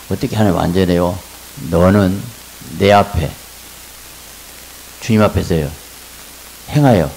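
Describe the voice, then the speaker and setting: Gravelly deep-voiced man preaching. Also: slight background noise, rough recording. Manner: animated preaching, bursts of loud laughing exclamations. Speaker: pastor. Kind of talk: sermon. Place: church revival meeting hall.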